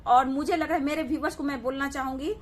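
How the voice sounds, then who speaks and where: A woman's voice: high-pitched, steady tone, fast. A woman giving a collective tarot reading, addressing viewers as "dear" and often repeating "okay" to reassure them. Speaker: tarot reader.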